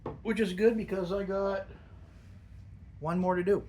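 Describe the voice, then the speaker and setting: A man's voice: high-pitched, steady tone, normal speed, a little mellow, a little hiss or hum. A man giving a casual, musing solo video review, talking with a lip full of dip. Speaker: product reviewer. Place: upstairs in a garage.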